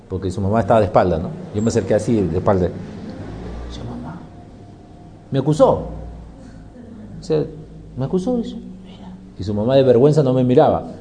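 A man's voice: mid-range voice, lively intonation, brisk, pauses often, mellow, a little hiss or hum. A man preaching a sermon, emphatic, firing rhetorical questions and answering them himself.

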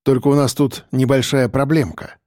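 A man's voice: medium pitch, little pitch movement, moderate pace, darkish tone, no echo, clean studio sound, lightly acted. Man voicing a wry, muttering investigator. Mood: muttered. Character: young man Max, wry streetwise investigator.

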